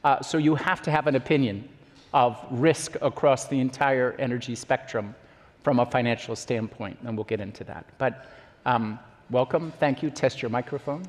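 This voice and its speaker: A man moderating an informal on-stage chat, friendly and halting as he introduces his guest. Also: medium pitch. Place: conference hall during a meal, microphone. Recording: reverberant hall.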